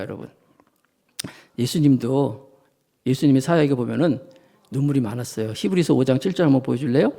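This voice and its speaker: Give me a man preaching a sermon with a high, gravelly voice, telling the story vividly. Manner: animated storytelling, acts out voices and sounds; addresses congregation directly. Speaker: pastor.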